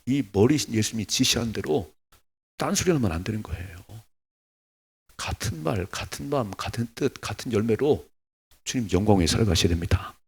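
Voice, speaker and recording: Gravelly husky-voiced male pastor preaching. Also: fairly low pitch. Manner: conversational preaching with acted asides and rising rhetorical questions. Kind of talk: sermon.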